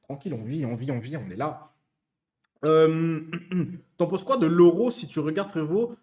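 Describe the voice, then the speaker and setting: A man's voice: a little high, normal speed, darkish tone. A young man from Switzerland chatting casually on a live stream, teasing his viewers and stammering through restarts.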